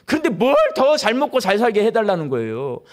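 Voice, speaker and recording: A middle-aged man preaching a sermon in church, animated and firing rhetorical questions at the congregation. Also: high voice, a little fast. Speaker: pastor. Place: church during a live service.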